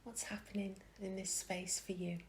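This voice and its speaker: A woman leads a guided meditation, gentle and soothing, letting soft phrases sink into a whisper before long pauses. Her mid-range voice moves little in pitch, and faint background noise can be heard.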